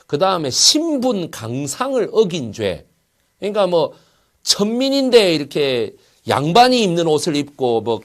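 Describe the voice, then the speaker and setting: Lively man lecturing history. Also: on the high side. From Busan, South Korea. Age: 40s. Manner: animated, rhetorical questions to the audience. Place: studio, alone.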